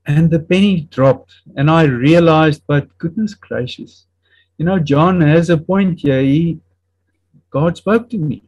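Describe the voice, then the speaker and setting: This man, in his fifties and speaking Afrikaans as his first language, shares a personal testimony as an interview guest with an earnest, reflective manner and an Afrikaans accent. His delivery falters as he searches for words and restarts, and his voice is fairly high with a darkish tone. There is no room sound, and the audio quality is poor.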